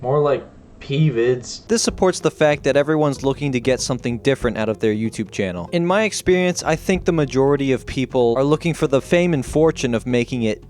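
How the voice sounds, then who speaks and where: A man's voice: mid-range voice, fast talker, hardly any pauses, a little mellow. A man giving a scripted voice-over commentary as a YouTuber, talking casually with profanity and dry self-mocking asides. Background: faint background music.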